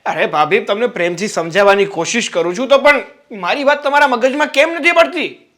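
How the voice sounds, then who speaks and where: Give me a man playing an exasperated younger brother-in-law with a high, bright voice. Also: expressive, a little fast. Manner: coaxing, then loud and exasperated. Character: younger brother-in-law lecturing his sister-in-law. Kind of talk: family drama acting.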